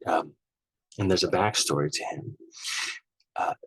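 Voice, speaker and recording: A low-pitched man talks through his opinions in a loose, rambling way, tagging his points with "right?" and getting openly irked. The sound is dry and close, with no room around him. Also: measured pace, breathy edge, no echo, rough recording. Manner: rambling and conversational, often ending points with "right?"; frank and opinionated, easily irked. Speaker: film reviewer. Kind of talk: casual spoken film comparison.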